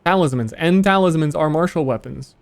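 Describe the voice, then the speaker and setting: A man's voice: fairly high pitch, brisk. A man streaming a video game, giving casual, joking commentary with frequent profanity.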